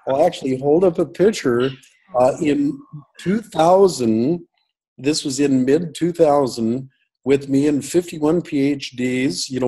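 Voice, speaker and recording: A man's voice: mid-range voice, warm tone, breathy edge, poor audio. A man telling a long personal story as an interview guest over a call, rambling with many fillers and restarts. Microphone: call audio.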